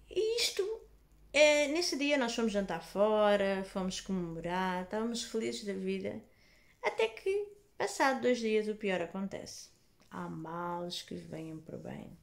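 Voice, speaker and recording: A woman with a European Portuguese accent, telling a personal faith testimony in a casual, animated vlog, acting out the dialogue. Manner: animated, acts out dialogue in lowered voices.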